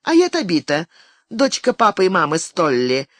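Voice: medium pitch, wildly swooping pitch, moderate pace, fairly bright tone, no room sound, clean studio sound. A reader doing a mocking teenage girl. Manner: ironic, teasing.

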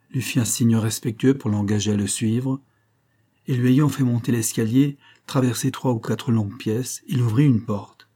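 A classic novel is read in measured, expressive fashion by a male audiobook narrator. His voice is low and husky.

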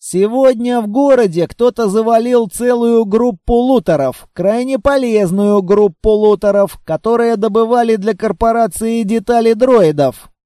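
A man's voice: very high-pitched, a little slow, hardly any pauses, warm tone, dry recording, clean studio sound, pitched above the performer's own voice. Man putting on a growling, barking army sergeant. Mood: gruff. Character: gruff hostile male army sergeant.

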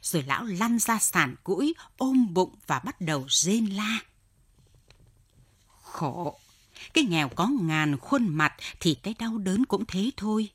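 A woman reading a story aloud in an expressive, dramatic narration. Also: medium pitch, measured pace, husky, dry recording. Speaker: audiobook reader.

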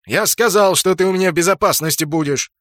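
A man's voice: sits high, fast, a bit bright, no echo, studio quality, voice pushed up. A male audiobook narrator voicing a cheeky young male gamer who talks in a brash, teasing way. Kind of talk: audiobook character voice.

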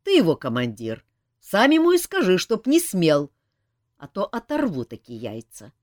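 A man's voice: high-pitched, huge pitch swings, normal speed, darkish tone, dry recording, studio quality, voice pushed up. Woman voicing a weary grumbling king. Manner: gruff, blunt.

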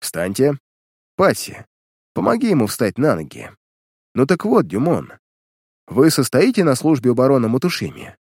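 Stern, curt detective barking orders at a captive in a dry audiobook read, done by a male narrator; lively pitch. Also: normal speed, long pauses, husky, no room sound. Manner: curt, commanding questions.

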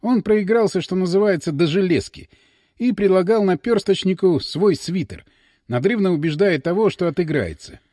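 A man narrating an audiobook in an expressive, ironic storytelling manner. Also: sits high, moderate pace, no room sound, clean studio sound.

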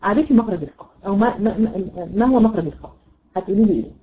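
A woman with an Egyptian accent teaching a Quran recitation lesson, explaining patiently, repeating words and checking understanding with quick questions. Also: medium pitch, lively intonation, phone-quality sound, a little hiss or hum. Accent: Egyptian Arabic. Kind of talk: classroom lesson.

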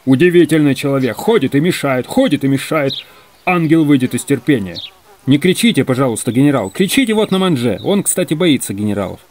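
A male reader voicing a hot-tempered retired old general who scolds and shouts. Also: mid-range voice, expressive, fairly quick, pitched above the performer's own voice, natural voice. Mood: irritated, scolding.

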